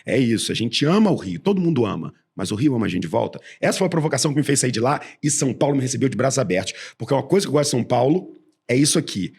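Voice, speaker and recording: Fast-talking husky man from Rio. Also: mid-range voice, animated, a little mellow. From Rio de Janeiro, Brazil. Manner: jokey, chatty, provocative. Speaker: podcast host. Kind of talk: casual interview chat.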